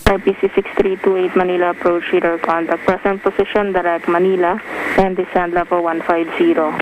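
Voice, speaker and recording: A woman's voice: fairly low pitch, little pitch movement, fairly quick. A woman working as an air traffic controller, giving procedural instructions over a radio. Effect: air traffic radio transmission. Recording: muffled radio with loud static.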